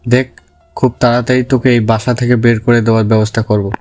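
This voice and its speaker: A man's voice: medium pitch, flat delivery, fast talker, a little mellow, faint music behind, close to an everyday voice. A man playing a hostile, vengeful brother-in-law who threatens and sneers in an audio drama. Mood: contemptuous. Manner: threatening, contemptuous.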